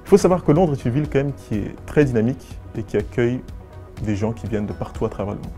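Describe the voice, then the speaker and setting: A nineteen-year-old man from West and Central Africa, a business school student giving formal, measured and articulate interview answers. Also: medium pitch, lively intonation, over loud music. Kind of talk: prepared interview answers to camera.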